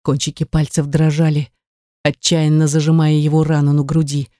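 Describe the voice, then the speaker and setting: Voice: medium pitch, monotone, normal speed, dark tone, dry recording, clean studio sound. An audiobook narrator reading a first-person story with dramatic, emotive delivery. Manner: dramatic, emotive, rises to cries in quoted lines.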